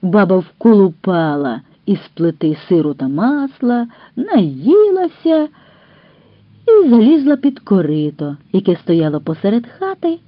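A woman reading a folk tale aloud in an expressive, sing-song storytelling manner. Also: medium pitch, a little slow, dry recording. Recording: dull dry recording.

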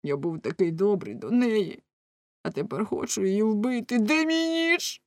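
A woman's voice: fairly low pitch, a little slow, dry recording. A woman playing a raging jealous husband. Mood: anguished. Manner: loud, ranting, anguished outbursts. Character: jealous, hot-tempered husband, grown man.

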